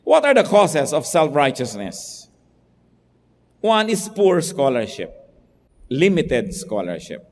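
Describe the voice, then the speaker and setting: A male pastor preaching a sermon, moving between quiet stretches and emphatic points. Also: on the high side, wildly swooping pitch, slow pace, pauses often, big-room sound. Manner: preaching in Tagalog mixed with English, swinging from soft to emphatic.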